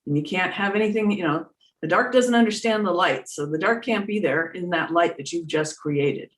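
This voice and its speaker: A woman's voice: fairly low pitch, moderate pace. A middle-aged woman giving casual, earnest spiritual teaching in an informal, emphatic way. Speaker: spiritual teacher and medium answering questions. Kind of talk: casual, conversational spiritual talk. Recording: echoey room, distant mic on internet call.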